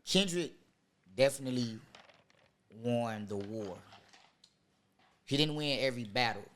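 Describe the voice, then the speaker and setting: A man's voice: mid-range voice, unhurried, fairly bright tone. A young adult man as a guest in a casual chat, laid-back yet insistent and freely profane.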